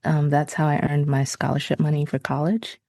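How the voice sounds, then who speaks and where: A woman with a low, mellow voice talks as a guest on a podcast. She is friendly and easygoing, a little self-conscious, and laughs often. Her voice comes through dry, with no room sound. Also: flat delivery, a little fast, vocal fry, dry recording. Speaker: guest, special effects artist. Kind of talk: casual podcast interview.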